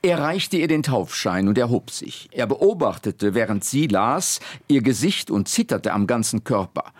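Lively man reading a story aloud. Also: medium pitch, normal speed, no room sound. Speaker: radio presenter and reader. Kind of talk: literary radio reading.

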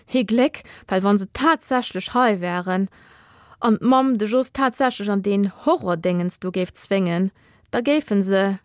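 Woman, storyteller, lively children's narration, medium pitch, dry close studio sound. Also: no echo.

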